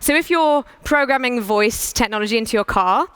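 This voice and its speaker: A British woman giving a conference talk, brisk and persuasive, asking the audience rhetorical questions. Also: a little high, expressive, fairly bright tone, smooth, dry recording. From United Kingdom. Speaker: conference speaker.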